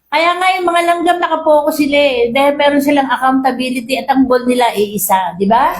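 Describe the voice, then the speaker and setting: A woman preacher with a high-sitting, brisk voice delivers a sermon in a church hall with a roomy echo. She often asks her congregation for agreement and mixes in English Bible quotes.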